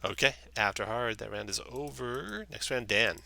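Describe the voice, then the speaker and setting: A man's voice: medium pitch, normal speed, gravelly, bright, forceful tone. A man acting as game master, narrating and refereeing a tabletop game.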